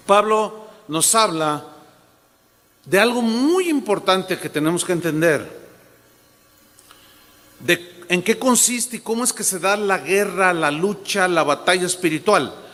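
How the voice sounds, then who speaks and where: Emphatic pastor in echoing hall. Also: male voice, high voice, expressive, slow, long pauses, sharp tone. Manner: emphatic preaching, repeats phrases, quotes people in changed voices. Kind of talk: sermon. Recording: long hall reverb.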